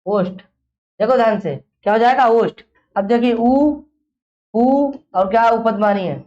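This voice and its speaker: Woman teacher, fairly high voice, keeps asking the class then answering herself, dull lo-fi sound. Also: a little slow, darkish tone. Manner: drills with repeated questions, then answers them herself. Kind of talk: classroom exam-prep lesson.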